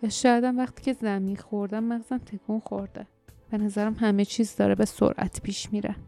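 A woman's voice: mid-range voice, level tone, creaky, mellow, soft background music, lightly acted. A woman narrator voicing a sturdy older male warrior with a wry, sighing manner. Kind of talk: audiobook character reading.

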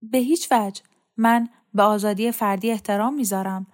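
A woman reading a story aloud, voicing a calm, bookish young man who speaks in a measured way. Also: mid-range voice, close to an everyday voice.

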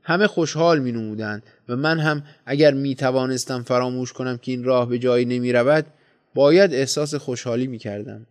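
A man narrates a literary tale in a measured, deliberate reading voice. His pitch sits in an ordinary middle range for a man. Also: fairly even intonation. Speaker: audiobook narrator. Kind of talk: scripted story narration.

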